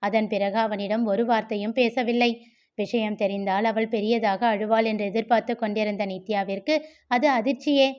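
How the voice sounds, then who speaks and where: A woman reads a novel aloud, narrating in a steady, even way. Her voice sits at a middle pitch for a woman. The recording sounds slightly dull and lo-fi. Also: normal speed. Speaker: storyteller.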